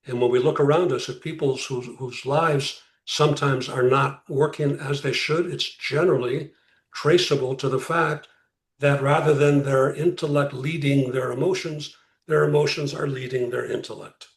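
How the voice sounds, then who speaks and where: A man speaking as a rabbi teaching a class, pausing deliberately and posing rhetorical questions. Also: medium pitch, steady tone. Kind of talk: interactive religious lecture. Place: room with a class. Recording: echoey room, distant microphone.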